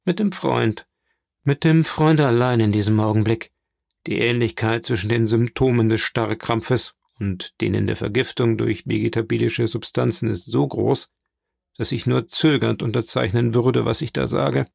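A man reading an audiobook, voicing a grave, deliberate physician. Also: medium pitch, fairly even intonation, creaky, darkish tone, dry recording, clean studio sound. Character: grave, measured male physician.

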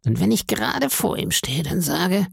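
A man voicing a menacing blind old sea beggar in an audiobook, speaking in a slow, eerie sing-song that sounds cruel and cold. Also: on the high side, sing-song, vocal fry, breathy edge, no room sound, studio quality, pitched above the performer's own voice, exaggerated voice. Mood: threatening. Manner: slow, drawn-out wheedling delivery.

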